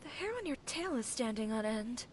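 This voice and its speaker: A woman's voice: on the high side, lively intonation, brisk, a little hiss or hum, natural voice. A woman voicing a friendly, attentive female shop vendor in a video game, polite in manner. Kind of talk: video game character acting.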